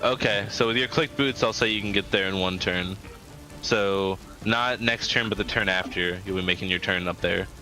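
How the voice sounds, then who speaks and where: A man's voice: low voice, steady tone, moderate pace, sharp tone, soft background music, rough recording. A man narrating a tabletop game as game master, mixing casual talk with scene description.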